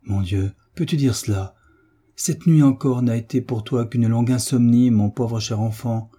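A man reading an audiobook, voicing an anxious, gentle young mother who speaks timidly and pleads. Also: mid-range voice, moderate pace, breathy edge, close to an everyday voice. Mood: pleading. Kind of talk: audiobook character voice.

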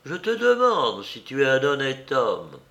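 A man's voice: mid-range voice, wildly swooping pitch, measured pace, pushed and bright, highs cut off, voice pushed up, heavily acted. A man voicing an elderly aunt in an audiobook, fussy and shrewd, with a quavering sing-song manner. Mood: fretful.

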